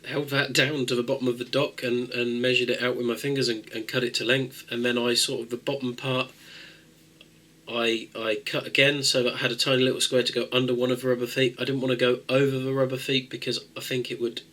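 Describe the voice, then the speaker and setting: Here a man hosting a tech video, stuffed up with a cold, rambles casually through a fix, restarting often and leaning on fillers. His medium-pitched, slightly bright voice stays flat and moves fairly quickly.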